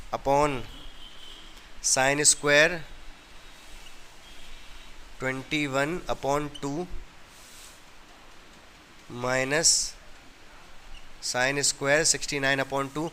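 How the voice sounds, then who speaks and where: A man's voice: a little high, pushed and bright, clear, resonant tone. A man from India teaching a maths class, explaining each step and often checking that the students have understood.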